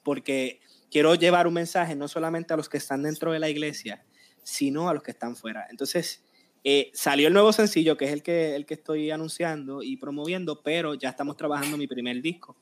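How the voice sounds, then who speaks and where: A Puerto Rican man in his late twenties, a singer telling his story in a casual interview, animated and acting out quotes. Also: fairly high pitch, brisk, a little hiss or hum. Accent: Puerto Rican Spanish. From Puerto Rico. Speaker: guest singer.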